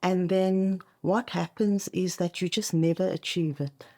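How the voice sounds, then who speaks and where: On a podcast, a middle-aged South African coach, first language Afrikaans, makes emphatic points in an easy conversational way, checking in as she talks. She has a lowish, dark voice with fairly even intonation and an unhurried pace.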